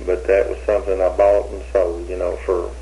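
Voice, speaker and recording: A man's voice: sits low, completely flat delivery, brisk, creaky, dark tone, slight background noise, poor audio. An older man being questioned, talking in a hesitant, rambling way with many restarts, heard on an old interrogation tape recording.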